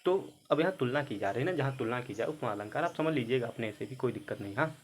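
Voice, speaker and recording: A man's voice: mid-range voice, expressive, fast talker. Guy teaching a poem, reads a line then explains each word, medium voice, bit of faint noise behind. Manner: reads verse then paraphrases, word by word glosses.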